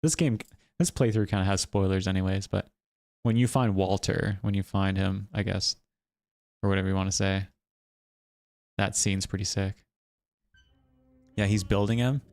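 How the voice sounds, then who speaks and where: A man's voice: low-pitched, fairly even intonation, moderate pace, long pauses, darkish tone, no echo. A man streaming a horror game live, giving casual, rambling commentary full of fillers and chuckles.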